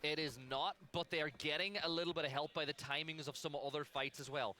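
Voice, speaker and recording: A man doing brisk, excitable play-by-play commentary on an esports match. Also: fairly high pitch, slight background noise. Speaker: esports caster.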